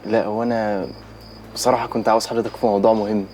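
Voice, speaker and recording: A man's voice: fairly low pitch, level tone, rapid-fire, a little mellow, a little hiss or hum, lightly acted. An actor playing a polite, hesitant young man with an Egyptian accent, asking a father for his daughter's hand. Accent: Egyptian Arabic. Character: nervous young male student asking to marry.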